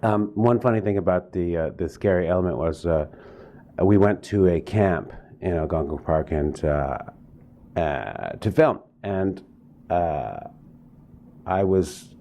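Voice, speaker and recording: An actor guest chats casually in an interview, his dark-toned voice sitting low and moving a little slowly. He rambles, with many fillers and restarts.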